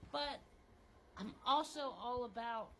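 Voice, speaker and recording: Woman, mother, casual rambling monologue, lots of fillers, slightly high pitch, faint background ambience. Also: slow pace, background noise. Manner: candid, rambling, with frequent "like" fillers; changing clothes while talking.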